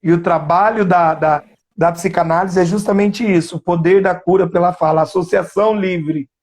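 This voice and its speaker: A man with a Brazilian Portuguese accent recounts a patient's case in a live interview. His voice sits high for a man, and he tells the story earnestly, slowing down to lean on the important words. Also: fairly even intonation, a little mellow. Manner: earnest, slows down to stress key words. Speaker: psychoanalyst. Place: remote live stream.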